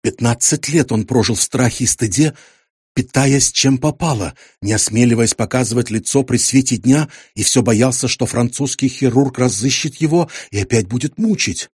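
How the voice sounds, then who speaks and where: A man's voice: medium pitch, normal speed, a little mellow, breathy edge, no room sound, clean studio sound, lightly acted. A man voicing a frightened older male Egyptologist who pleads in an agitated, cracking voice, in an audiobook. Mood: confessing.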